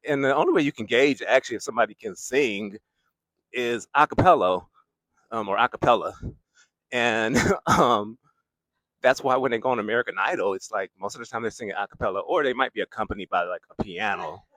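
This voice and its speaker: A young vlogger walks a city boulevard with a handheld mic, rambling casually, laughing often and looping back to his point. His voice is medium-pitched, a bit bright and a little fast, with no echo but poor audio quality.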